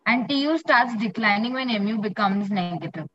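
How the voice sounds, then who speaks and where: A woman's voice: on the high side, animated, normal speed, a bit bright, no room sound. A young woman with an Indian accent, a student reciting answers in an online class. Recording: muffled lo-fi online call audio.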